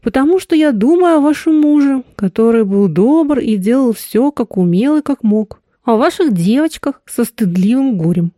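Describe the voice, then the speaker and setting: A woman voicing a calm, cool-headed man who questions a woman in a level way. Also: on the high side, moderate pace, few pauses, no room sound, studio quality, close to an everyday voice. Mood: coolly probing.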